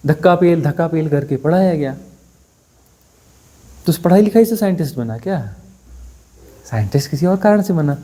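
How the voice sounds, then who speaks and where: A spiritual teacher giving a satsang discourse, talking conversationally and bluntly, often pausing to ask his listeners for agreement. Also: on the high side, expressive, mellow. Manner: conversational, keeps asking "है ना?" for assent; blunt and dismissive, mocking.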